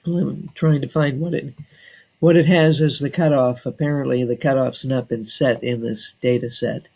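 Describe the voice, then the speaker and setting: A man training staff on database software, talking slowly and deliberately with frequent filler pauses. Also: medium pitch, fairly even intonation, vocal fry, breathy edge, lo-fi sound. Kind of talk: screen-share software tutorial.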